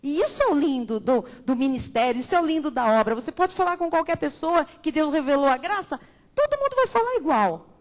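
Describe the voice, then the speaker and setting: A woman pastor teaching from the pulpit with a bright, high voice. She preaches emphatically and keeps calling her congregation beloved. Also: big pitch swings, fairly quick. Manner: emphatic, addresses listeners as beloved. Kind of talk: Bible study sermon.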